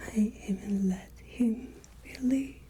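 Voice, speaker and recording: A woman playing a haughty, menacing, ageless vampire lady of a castle in a whispered ASMR roleplay, with deliberate, imperious delivery. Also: medium pitch, warm tone, a little hiss or hum, lightly acted. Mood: cold, wistful menace.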